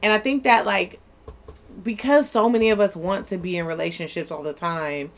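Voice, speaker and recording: A young woman co-hosting a podcast, chatting in a relaxed way and often agreeing. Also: mid-range voice, normal speed. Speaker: podcast co-host. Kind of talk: casual chat.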